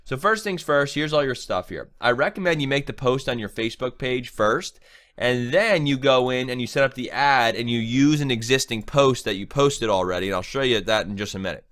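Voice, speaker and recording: A young online marketing trainer with a cold, sounding a little nasal, gives a casual, chatty screen-share tutorial, often checking in with "right?". His medium-pitched voice is animated, fairly quick and fairly bright.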